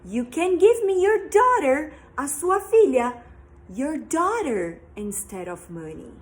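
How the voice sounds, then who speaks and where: A woman voicing a wicked female witch in a children's story, shrill, loud and scolding. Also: sing-song, slow, full character voice. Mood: scheming.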